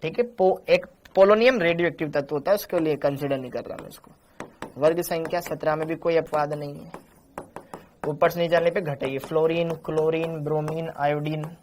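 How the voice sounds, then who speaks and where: A man's voice: fairly high pitch, steady tone, fairly quick, darkish tone, slight background noise. A man teaching a live online chemistry class, coaxing and teasing his students as he reads their chat messages.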